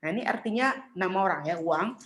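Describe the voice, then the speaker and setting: A middle-aged woman teaching Mandarin in an online class, chatty and patient, saying tones slowly for students to copy. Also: mid-range voice, animated, a bit bright, slight background noise.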